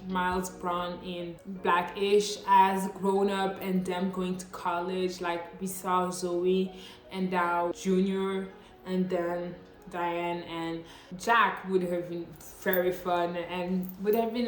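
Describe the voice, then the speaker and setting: Her voice lowish and slow, with little pitch movement, a non-native English-speaking vlogger in her late teens chats cheerfully through a casual scripted video, dropping slangy asides. The room echoes, and faint music plays in the background.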